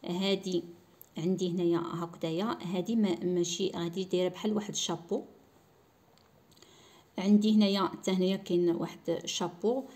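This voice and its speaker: A woman teacher with a Moroccan Arabic accent gives a school lesson. She talks slowly and repeats words to model how they are said. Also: fairly low pitch, darkish tone.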